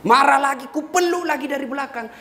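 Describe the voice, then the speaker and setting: A man preaching a humorous sermon to a live audience, swinging between loud and low and breaking into song for laughs. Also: fast talker, crowd noise. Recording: echoey live hall with faint noise.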